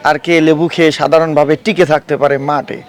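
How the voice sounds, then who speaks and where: A man's voice: a little high, flat delivery, fast. A man with a Bangladeshi accent hosts a street challenge, instructing contestants and repeating himself as he talks to camera. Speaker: challenge host. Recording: faint background noise, ambient sound.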